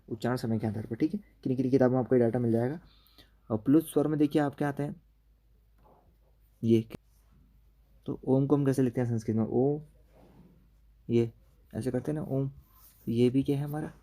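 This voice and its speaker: A man's voice: mid-range voice, steady tone, a little fast, long pauses, dark tone. A man teaching an exam-prep grammar lesson, explaining step by step and checking in with "okay" after each point.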